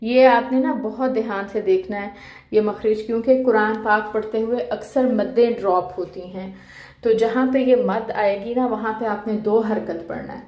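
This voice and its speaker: Her voice is on the high side and somewhat dark, with a steady tone and moderate pace, as she teaches Quran recitation online. Patient and methodical, she asks "okay" to check understanding and draws out each demonstrated sound.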